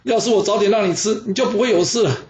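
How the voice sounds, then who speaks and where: A man's voice: on the high side, fast, close to an everyday voice. A man voicing an ancient warrior who boasts of killing a tiger and later mourns a fallen comrade. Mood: grieving. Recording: dull lo-fi sound.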